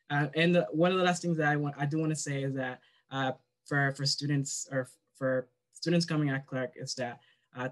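A young man with a slightly raised voice talks on a video call, stumbling over his words and filling pauses with "uh." He speaks as a student sharing experiences with a panel. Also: on the high side. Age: young adult. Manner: hesitant, many fillers and restarts.

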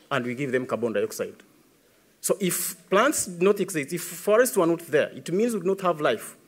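A man in his thirties with a Ugandan English accent answers questions at a tribunal as an environmentalist witness, speaking earnestly and building emphasis as he goes. His voice is a little high and husky. He speaks into a podium microphone on a large, dark conference stage.

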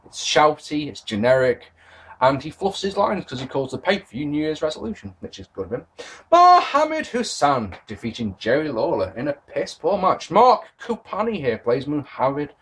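A man's voice: on the high side, sing-song, moderate pace, a bit bright, breathy edge. A British man in his thirties giving a sarcastic, sweary wrestling review to a webcam in his bedroom. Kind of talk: casual video review. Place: bedroom with posters, indoors.

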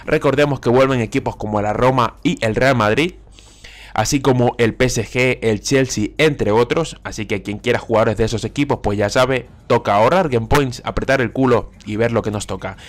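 Excitable man narrating a game. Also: medium pitch. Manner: animated, repeats phrases, cries out at big pulls. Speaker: gaming YouTuber. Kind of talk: excited gameplay commentary. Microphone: desk microphone.

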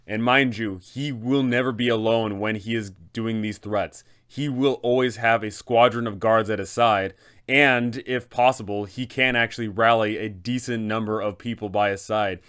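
Clear and resonant, the man's lowish voice carries a fairly bright tone, fairly even intonation and a normal speed. He's in his thirties and hosts an explanatory tabletop adventure guide, advising game masters in an emphatic, methodical way.

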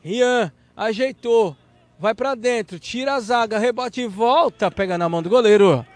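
Very high-pitched Brazilian male football commentator. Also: moderate pace, no room sound. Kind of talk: live sports commentary.

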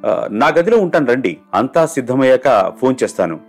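A man's voice: mid-range voice, very animated, moderate pace, soft background music, pitched above the performer's own voice. A man doing a scheming killer, breezy. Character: scheming middle-aged male chess player, murderer.

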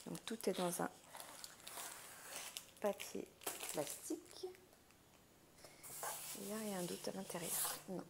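Woman with gravelly vocal fry, chatting casually. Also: mid-range voice, fairly even intonation, slow, long pauses. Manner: chatty, thinking aloud. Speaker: craft unboxing host. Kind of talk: casual unboxing chat. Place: indoors at a wooden table. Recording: handling clicks and crinkling noise. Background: crinkling plastic, clicks.

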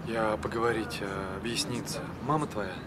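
A middle-aged actor playing an apologetic, weak-willed lover in a screen drama, pleading hesitantly. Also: male voice, on the low side, steady tone, moderate pace, over a noisy crowd, close to an everyday voice. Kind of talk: naturalistic screen drama acting. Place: outdoors at a bus station. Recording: loud outdoor traffic noise.

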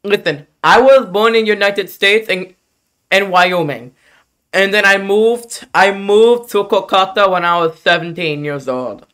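A young man talks calmly and deadpan to a caller, spelling letters out one by one with patience. His voice is fairly high for a man. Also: measured pace, clear, resonant tone. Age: young adult. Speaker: scam baiter. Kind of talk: prank phone call.

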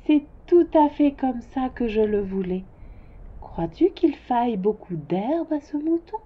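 A woman's voice: on the high side, expressive, a little slow, breathy edge, dull audio. A woman voicing a curious, stubborn little boy prince in a storybook reading, with a childlike, insistent way of asking. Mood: gentle.

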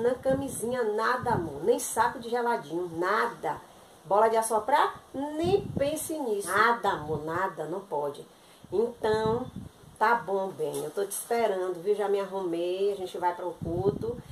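A woman's voice: medium pitch, animated, measured pace. A woman doing a one-sided comic phone sketch, talking in a chatty, pleading and exasperated way. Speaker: content creator acting a comic sketch. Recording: echoey room with loud background noise.

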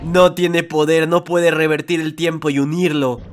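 A young man, hosting a reaction video with excited, playful commentary full of slang and exclamations. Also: a little high, moderate pace, noisy background. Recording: music playing behind.

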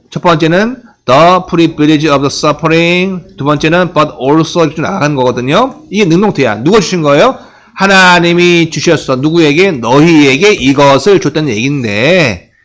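A middle-aged male pastor teaching English Bible reading, asking and answering his own questions and drawing out English words slowly. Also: on the high side, animated, rough recording.

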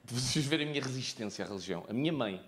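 A man with a European Portuguese accent doing a stand-up comedy set, brash and profane, mocking, swinging between loud punchlines and low asides. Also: lively intonation, racing. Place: theatre stage before a live audience. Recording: roomy theatre sound with audience noise.

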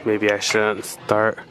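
A man with a fairly low voice vlogs casually while thrift shopping, filmed on a handheld camera in a store aisle. He gushes over his finds, excitable and talking to himself, with background noise around him.

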